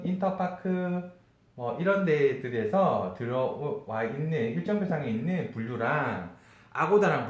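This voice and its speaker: A man speaks in a nasal, rather high voice with very animated intonation. He explains informally to viewers, asking rhetorical questions as he teaches. The room around him is noticeably echoey. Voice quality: nasal, stuffed-nose voice. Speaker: travel YouTuber and travel agent explaining tours.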